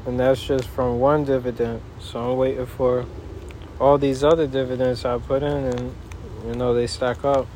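A man hosting a casual solo podcast outdoors in a backyard, rambling in a folksy way and pausing mid-thought. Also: medium pitch, level tone, mellow. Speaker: podcast host. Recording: noisy outdoor backyard, wind and ambience.

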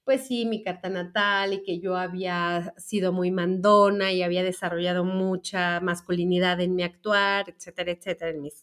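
A woman's voice: lowish voice, level tone, normal speed, few pauses, fairly bright tone, smooth. A woman in her forties with a Mexican accent, chatting through a personal story and speaking to her audience about feminine energy. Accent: Mexican Spanish. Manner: chatty, with frequent fillers and restarts. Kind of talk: casual storytelling monologue to an audience.

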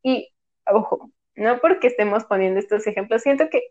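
A woman's voice: a little high, animated, fairly quick, a little mellow. A woman chatting casually, often tagging her sentences with "¿sabes?". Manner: chatty, peppers speech with "¿sabes?". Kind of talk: casual chat. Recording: slightly dull lo-fi audio.

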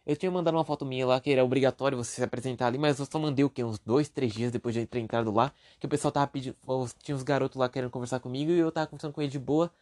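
Rambling young Brazilian podcast host. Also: male voice, mid-range voice, steady tone, very fast, hardly any pauses, a little mellow. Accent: Brazilian Portuguese. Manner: rambling, self-deprecating, jokey asides. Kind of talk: casual solo podcast monologue.

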